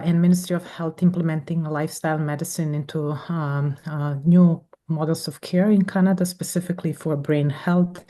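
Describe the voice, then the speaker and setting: A woman from Croatia, a neurology professor, introducing herself haltingly on a video call. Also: deep voice, warm tone. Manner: halting, many fillers.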